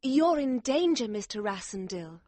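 A pale, frightened young woman who pleads urgently, as a woman acts her out. Her voice sits high and anxious. The recording is close and dry. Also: sing-song, unhurried, darkish tone, no echo. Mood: urgent warning.

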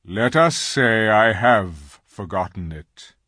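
A reader voicing a great, solemn lion who speaks gravely and slowly. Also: medium pitch, expressive, pushed and bright, dry recording, clean studio sound, full character voice. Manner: grave and slow.

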